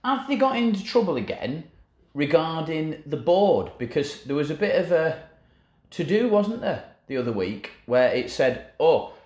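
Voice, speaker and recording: A man hosting a casual chat, teasing his guest with quick jokes. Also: on the high side, very animated, a little mellow, roomy sound. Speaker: podcast host.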